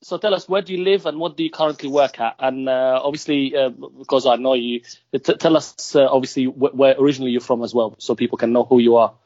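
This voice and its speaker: A man's voice: medium pitch, fairly even intonation, quick pace, a little mellow, no echo. A man co-hosting a podcast, teasing the guest and rambling through his questions with restarts. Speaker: podcast co-host. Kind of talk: casual podcast interviewing. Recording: dry dull lo-fi podcast audio.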